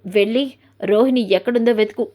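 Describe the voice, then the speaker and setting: A woman plays a blunt, stern mother in a retold family drama. She scolds and lectures in a fairly high voice. The delivery stays plain and storybook-like. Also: a little fast, mellow, natural voice. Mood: scolding.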